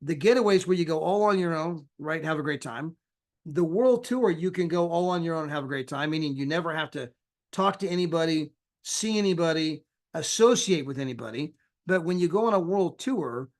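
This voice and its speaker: A man giving a chatty sales presentation over a screen share, often tagging his points with "right?" and "you know". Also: a little high.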